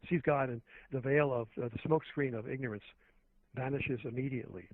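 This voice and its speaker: A male guest rambles through a radio conversation, stacking fillers and self-corrections. His voice comes through a thin, phone-like line, and it sits at an ordinary middle pitch. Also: fairly quick, no room sound. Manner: meandering, with many fillers and restarts.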